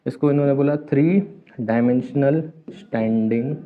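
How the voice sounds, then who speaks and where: A man's voice: mid-range voice, moderate pace. Male chemistry teacher, tinny lecture audio. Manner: explains step by step, asks and answers own questions; mixes English terms into speech. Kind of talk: classroom lecture. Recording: tinny phone-like sound.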